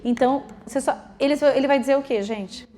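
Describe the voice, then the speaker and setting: A woman's voice: sits high, fast, slight background noise. A woman lecturing teachers and parents, acting out what children and adults say. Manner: lively, acts out quoted children and adults.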